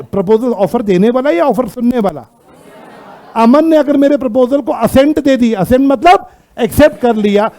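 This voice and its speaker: A man with an Indian accent teaches a law lecture in a classroom, constantly quizzing students with rhetorical questions and slowly reading out English text. His voice is very high and warm.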